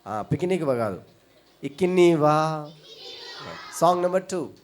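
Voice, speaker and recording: A man's voice: a little high, lively intonation, moderate pace, darkish tone, a little hiss or hum. A man teaching at a children's Bible school, chatting casually and quizzing the kids with playful questions.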